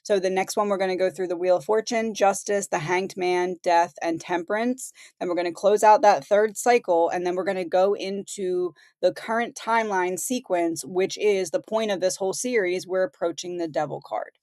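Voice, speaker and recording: A woman's voice: on the low side, moderate pace, few pauses, a little mellow, no echo, clean studio sound. A woman losing her voice, reading out headlines and commenting on them in a conversational way as host of her own channel. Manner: conversational, reads headlines aloud. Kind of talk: casual commentary.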